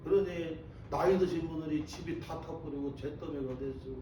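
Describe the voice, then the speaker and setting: A high-voiced male pastor delivers a sermon, calling out to the congregation and repeating phrases for emphasis. He sounds echoey and a little distant, as if picked up by a microphone across a church. A faint hum of room noise sits underneath. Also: steady tone, normal speed, warm tone. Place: church sanctuary.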